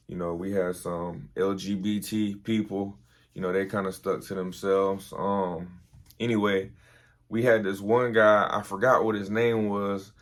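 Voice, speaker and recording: Tired, laid-back young man, low voice. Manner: laid-back, rambling with many fillers. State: tired, early morning. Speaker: vlogger, army veteran. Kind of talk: casual storytelling.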